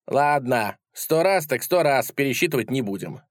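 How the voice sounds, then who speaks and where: A man voicing a calm, sardonic little male creature who talks coolly and practically. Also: mid-range voice, normal speed, dry recording, lightly acted. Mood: reasoning. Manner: cool, dry, practical.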